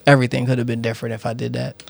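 A man's voice: medium pitch, level tone, racing, gravelly, dry recording. A young man co-hosting a podcast, curious and full of questions, laughing often in casual chat. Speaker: podcast co-host.

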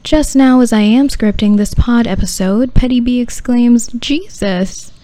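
A woman's voice: a little high, fairly even intonation, moderate pace, mellow, no echo. A woman hosting a podcast, telling scripted personal stories in a sultry, wry, arch delivery with no discernible regional accent. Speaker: podcast host.

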